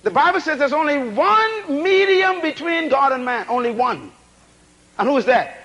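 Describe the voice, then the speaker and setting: At a normal speed, a man with a very high, lively voice preaches a sermon, his pitch rising and falling as he hammers his points. He uses call-and-response, rhetorical questions, and emphatic repetition of key phrases, swinging between shouted emphasis and low asides.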